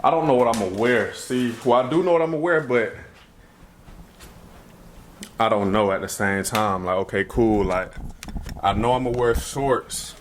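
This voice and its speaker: A young man vlogging casually to his phone camera, rambling loosely with slangy speech and thinking out loud as he corrects himself. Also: mid-range voice, a little slow, pauses often, a little hiss or hum. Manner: laid-back slangy speech. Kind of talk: casual vlog talk to camera. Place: at home, then in a car before dawn.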